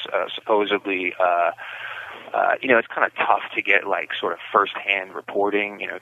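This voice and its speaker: Man on a prison payphone: lowish voice, rambling casual update, dry phone-line sound. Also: no room sound. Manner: rambling, full of "you know" and "like". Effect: payphone call from prison. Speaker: incarcerated writer calling in.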